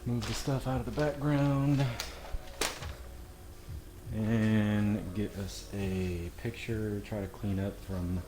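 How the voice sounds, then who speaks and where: A man's voice: on the low side, steady tone, slow, background noise. A man hosts a casual cooking vlog from his home kitchen, joking and chatting to viewers. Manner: joking, self-deprecating, talks to viewers. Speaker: cooking channel host. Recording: echoey kitchen with faint music.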